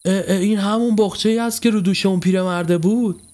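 A man's voice: mid-range voice, big pitch swings, darkish tone, slightly rough. A man voicing a jittery young man in a horror audio story, with a shaky, grumbling way of talking. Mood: shocked. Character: jittery young man who jokes when scared.

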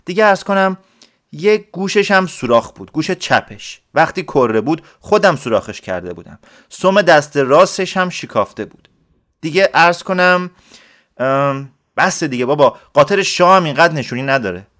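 A man voicing a short, flustered village man who pleads loudly and indignantly in a storybook reading. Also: on the high side, lively intonation, voice pushed up. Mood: eager, rambling.

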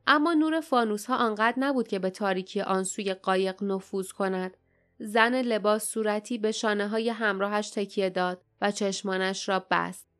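A woman's voice: mid-range voice, fairly bright tone. A woman narrating an audiobook adventure story, reading the narration in formal literary prose. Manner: reads dialogue in plain colloquial speech with narration in formal literary prose.

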